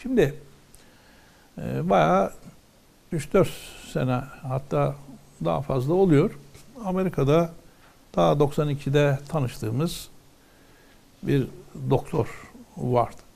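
A man's voice: fairly high pitch, slow, gravelly, pauses often, a little mellow. A man teaching from a religious text, reading ornate old wording aloud and then explaining each phrase in plain words.

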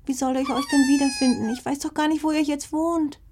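A woman voicing a small, shy young female blue fox in a children's audio story, soft and plaintive. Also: sits high, steady tone, a little fast, voice pushed up, close to an everyday voice. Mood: anxious, whimpering.

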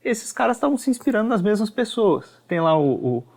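A man hosting a podcast, explaining ideas thoughtfully and pausing to repeat words as he thinks. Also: high-pitched, sing-song, a little mellow. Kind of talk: casual discussion.

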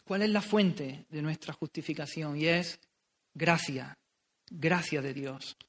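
A man's voice: on the high side, slow, fairly bright tone. A man preaching an earnest, pleading sermon, repeating phrases for emphasis.

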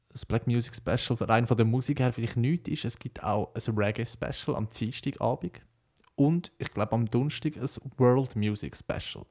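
A man's voice: medium pitch, warm tone. A young man with a Swiss German accent hosting a podcast in a casual, conversational, reflective monologue. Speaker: podcast host, broadcaster intern.

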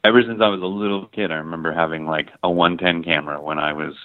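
A middle-aged Midwestern American man from Ohio and Michigan, he speaks low and quick with no room sound, over a dry, phone-like line. As a guest photographer in an interview, he tells stories in a relaxed way, loaded with filler words and casual swearing.

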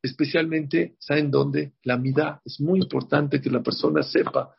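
A man's voice: on the high side, steady tone, moderate pace, gravelly, a little hiss or hum. A man teaching a religious class to a group, emphatic and often checking in with "ok?". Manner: emphatic, checks in with "ok?", repeats words. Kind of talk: religious class before a holiday. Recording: dull lo-fi recording.

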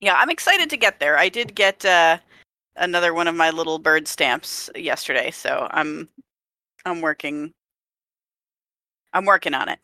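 A woman's voice: low voice, lively intonation, normal speed, long pauses, bright, forceful tone, dry recording, studio quality. A woman hosting a game podcast, chatting casually and laughing easily. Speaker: podcast host.

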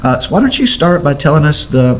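Halting pastor hosting an interview. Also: male voice, fairly high pitch, sing-song. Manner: halting, with many uh and um fillers. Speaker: pastor and host. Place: church stage. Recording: dull lo-fi sound, faint hiss.

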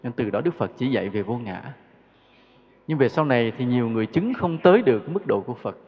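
Male Buddhist teacher, relaxed sermon full of questions; dull recording in a reverberant hall. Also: medium pitch, a little fast. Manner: conversational, rhetorical questions, chuckles. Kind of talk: dharma talk.

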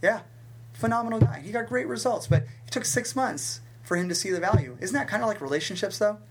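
Animated man telling stories, fairly high voice. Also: slightly rough. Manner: animated storyteller with big pitch swings and quick restarts. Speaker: fitness instructor and guest. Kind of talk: storytelling in a conversational interview.

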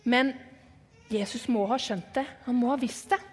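A woman telling a Bible story to children as if she had seen it, lively and dramatic, dropping to hushed whispers for suspense. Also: on the high side, breathy edge. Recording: long hall reverb.

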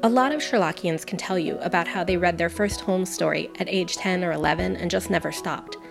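A woman's voice: fairly low pitch, a little fast, creaky. A woman, a guest podcaster, reading a personal essay in an earnest, enthusiastic, reflective way. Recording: music playing under the voice. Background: background music.

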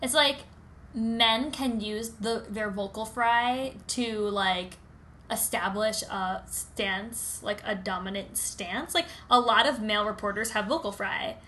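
A young woman chats and tells stories as a podcast co-host. Her voice is bright and forward, full of "like" fillers, with faint background noise. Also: mid-range voice, slow pace. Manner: frequent "like" as filler. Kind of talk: casual chat and storytelling.

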